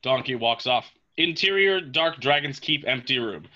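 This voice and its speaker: Very bright, forceful male script narrator. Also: medium pitch, lively intonation, moderate pace, highs cut off. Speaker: narrator reading stage directions.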